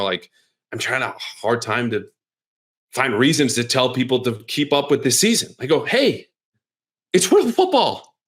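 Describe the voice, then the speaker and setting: A male sports podcast host in a casual, energetic monologue. His talk is conversational and keeps swinging into lively emphasis. His voice sits at an ordinary middle pitch.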